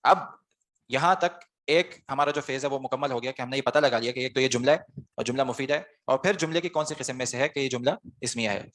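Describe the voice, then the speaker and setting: A man's voice: mid-range voice, fairly bright tone. A man teaching an online Arabic grammar class, explaining step by step and putting questions to the students before answering them himself.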